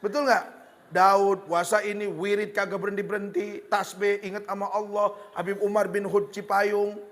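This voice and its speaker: A man with a Betawi accent preaching a lively, joking sermon, slipping into Betawi slang. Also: high voice, normal speed, long reverb tail. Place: hall with religious gathering.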